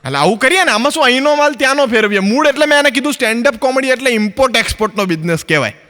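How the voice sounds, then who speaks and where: This very high-pitched, very fast voice belongs to a stand-up from Ahmedabad, Gujarat, India, whose Ahmedabadi Gujarati accent colors a lively, chatty routine. The sound is big-room, with crowd noise, on a stage filmed for a comedy recording. He performs both sides of each story.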